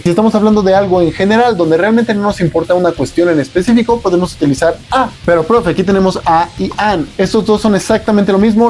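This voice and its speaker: A man's voice: sits high, darkish tone. A man with a Mexican accent, teaching an English lesson in a casual, joking, slangy tone. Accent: Mexican Spanish.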